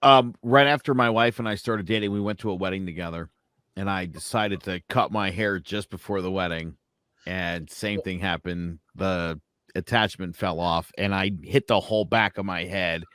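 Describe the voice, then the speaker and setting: A man co-hosting a podcast, telling a short anecdote in a low-key, casual way. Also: normal speed, fairly bright tone, smooth, no room sound. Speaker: podcast co-host. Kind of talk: casual chat.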